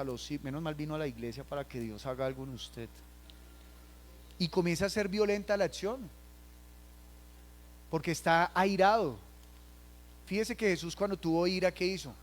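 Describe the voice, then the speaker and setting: A man from Colombia, preaching a sermon and acting out everyday scenes in quoted voices, dropping to a hush and then rising loud. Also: a little high. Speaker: pastor.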